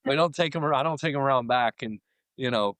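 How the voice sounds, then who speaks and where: He talks fast, this thirty-something carpenter from Florida with an American accent, rambling casually while being interviewed. His mid-range voice has a fairly bright tone, and the recording has no echo.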